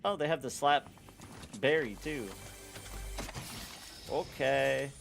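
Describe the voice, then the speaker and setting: A man's voice: medium pitch, slow, gravelly. Laid-back young male game streamer. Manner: laid-back, talks to chat, slangy. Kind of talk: casual live-stream chatter while gaming. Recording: noisy background.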